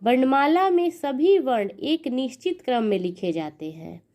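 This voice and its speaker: Slow, high-voiced woman teaching grammar. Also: big pitch swings, warm tone. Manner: spells words sound by sound and counts aloud. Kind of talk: slow explanatory grammar lesson.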